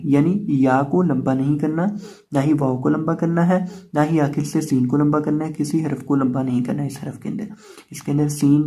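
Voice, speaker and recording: A man with an Urdu accent teaching Quran reading, explaining each letter patiently and repeating words slowly. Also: a little high, warm tone. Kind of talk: step-by-step recitation lesson.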